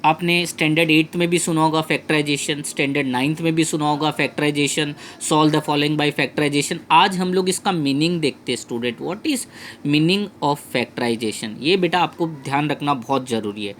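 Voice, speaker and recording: A male math tutor with an Indian English accent, teaching a lesson and repeating key phrases slowly to his students. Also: fairly high pitch, a bit bright, a little hiss or hum. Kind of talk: classroom lesson.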